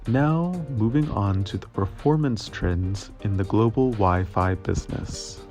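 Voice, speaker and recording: Interpreter translation voice-over: man, lowish voice, measured and formal, faint music underneath. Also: darkish tone. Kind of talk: scripted reading of financial results.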